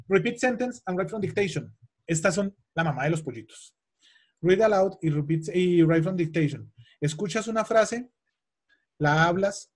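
A man teaching an English exam webinar, emphatic and repeating key points, asking his audience questions. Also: on the high side. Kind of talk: webinar lesson.

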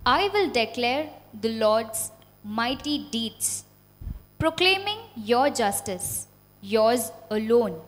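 A young woman with a slightly high voice recites slowly and formally as a church reader. Long reverb trails her solemn phrases. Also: sing-song, fairly bright tone. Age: young adult. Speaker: lay reader. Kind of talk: recited responsorial psalm. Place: inside a church at the lectern. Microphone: handheld microphone held close.

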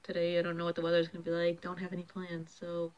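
A woman's voice: on the low side, completely flat delivery, fast talker, muffled recording. A woman in her twenties chatting casually to the camera as a vlogger, recorded on a handheld phone. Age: 20s. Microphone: handheld phone at arm's length.

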